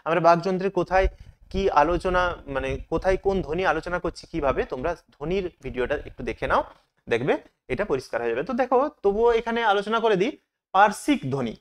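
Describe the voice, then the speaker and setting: A man's voice: sits high, lively intonation, quick pace. A man teaching an exam-prep lesson. He asks questions and then answers them himself.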